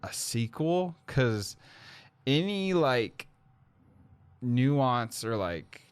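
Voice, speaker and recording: A man's voice: mid-range voice, very animated, extremely slow, smooth, dry recording. A man hosting a casual movie review podcast, rambling and self-correcting with lots of fillers. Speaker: podcast host.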